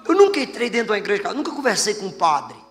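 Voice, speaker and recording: A male Brazilian pastor preaching a sermon, telling a testimony as a lively storyteller who jokes with the congregation. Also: high voice, racing. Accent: Brazilian Portuguese. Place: church hall. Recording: long church hall reverb with faint music.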